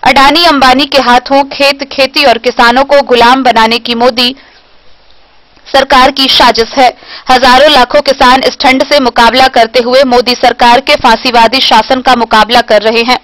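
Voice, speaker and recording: A woman's voice: sits high, fairly even intonation, moderate pace, a bit bright, rough recording. A woman reading a scripted news report as a voice-over.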